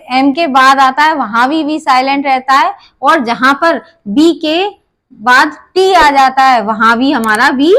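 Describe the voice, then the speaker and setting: A woman's voice: high voice, a bit bright. A woman teaching English pronunciation rules, asking herself questions and answering them, spelling words out letter by letter.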